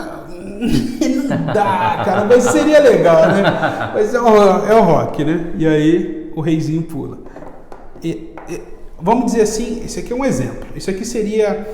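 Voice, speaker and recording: A man with a Brazilian accent, a chess teacher chatting casually in an interview and telling stories in a lively, slangy way. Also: high voice, moderate pace, a little hiss or hum. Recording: echoey room with long reverb.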